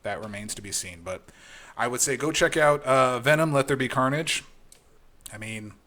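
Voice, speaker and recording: A man's voice: mid-range voice, animated, a little fast, pushed and bright. A man co-hosting a podcast, giving frank, opinionated takes in casual chat with lots of restarts. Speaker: podcast co-host.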